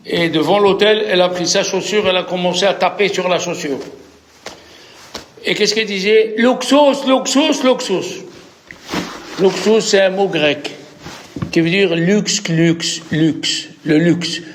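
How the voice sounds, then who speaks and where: Male rabbi, higher voice, animated lesson, quizzes his audience. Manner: animated, asks the audience questions. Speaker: rabbi teaching a class. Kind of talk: religious lesson.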